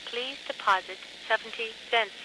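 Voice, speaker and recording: A woman's voice: a little high, background noise. A woman's prerecorded announcement heard over a payphone line, asking politely and evenly for coins. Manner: polite, even and measured. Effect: heard through a payphone line. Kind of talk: prerecorded automated prompt.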